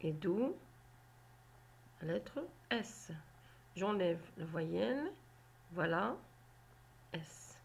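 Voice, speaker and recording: A woman teaching a phonics lesson to children, sounding out syllables slowly and deliberately. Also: lowish voice, animated, creaky, slight background noise. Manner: slow, deliberate, spelling out syllables.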